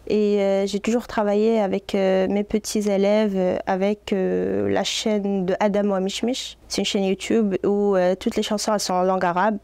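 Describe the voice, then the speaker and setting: Her mid-range voice is gravelly yet clean, with little pitch movement and no echo. She is a Moroccan Arabic speaker in her thirties, an Arabic teacher answering interview questions in a measured, gentle, earnest way.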